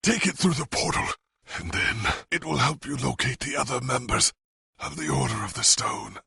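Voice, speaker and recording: In a dry, studio-quality recording, a male actor gives a full character voice as a noble, ageing video game adventurer hero. His medium-pitched voice is gravelly and husky, with a bright, forceful tone and lively intonation at a moderate pace. The delivery is grave, formal, dramatic, solemn and earnest, carrying an urgent mood.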